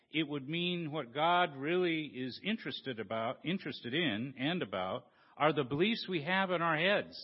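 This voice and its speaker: A man preaching a sermon in a church, slow and deliberate, with a lively, rising-and-falling voice pitched a bit high. His words carry a long echo through the sanctuary on a dull, lo-fi recording. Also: husky. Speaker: pastor.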